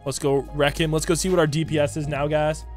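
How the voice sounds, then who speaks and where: A man with a hoarse, raspy smoker's voice, recovering from losing it, giving slangy, hyped game commentary to his viewers over music. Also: a little high, flat delivery, quick pace, a little mellow. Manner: slangy hype talk addressed to viewers. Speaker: gaming YouTuber. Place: indoor room at a computer. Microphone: desk microphone close to the mouth.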